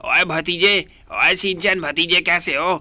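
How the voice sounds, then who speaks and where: A man voicing a loud, bossy cartoon cat who starts his lines with exclamations, in a fan-dubbed game video. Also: high voice, fairly even intonation, a little slow, no room sound, full character voice. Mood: excited.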